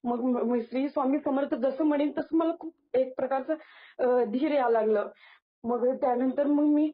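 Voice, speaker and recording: Guest: young woman on a tinny phone line, slightly high voice, halting testimony full of restarts. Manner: halting, with many false starts and restarts. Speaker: guest sharing a devotional experience. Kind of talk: casual spoken testimony.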